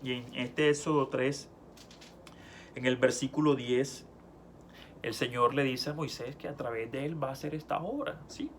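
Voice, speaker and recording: A man preaches in an easy, chatty way, stumbling over restarts, then lifts his voice when he reads scripture. His pitch sits in the middle range. A faint hiss of noise runs under the recording. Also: normal speed. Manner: conversational preaching with many restarts, rising loud when reading scripture. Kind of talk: sermon.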